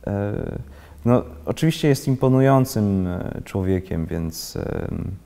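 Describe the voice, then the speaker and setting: A man in his thirties who grew up in Switzerland, an actor being interviewed, talking haltingly and restarting often as he searches for words. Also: fairly low pitch, animated, creaky, warm tone, long reverb tail. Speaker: actor, guest. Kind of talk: casual interview talk. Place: indoor library room with bookshelves, seated in armchair.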